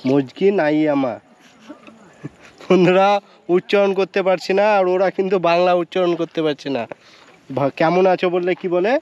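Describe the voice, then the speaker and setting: A man's voice: high voice, steady tone, a little fast, a little mellow, muffled recording. A man, vlogging and talking to viewers at a rural quarry lake. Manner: chatty, addresses viewers directly. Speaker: travel vlogger. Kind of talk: casual outdoor vlog narration.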